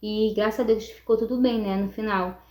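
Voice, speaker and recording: A woman's voice: mid-range voice, fairly even intonation, normal speed, darkish tone. Woman commenting in a roomy space. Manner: reflective, tag questions with "né". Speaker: commentator reacting to the story. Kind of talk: casual spoken commentary. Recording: roomy echo.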